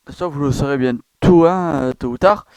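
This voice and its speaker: Speaking fairly quickly, this man has a high-leaning, somewhat mellow voice that comes across clear and resonant, with no echo. As a gaming YouTuber, he rambles through a casual screen-recorded tour of a gaming site, leaning on fillers and correcting himself often.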